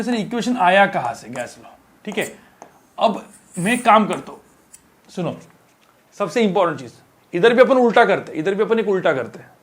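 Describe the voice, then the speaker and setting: A young man giving a casual physics lecture, talking while he writes on a board and checking in often with the class. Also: high-pitched. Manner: talks while writing on a board, drawn-out words, many filler checks. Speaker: physics teacher.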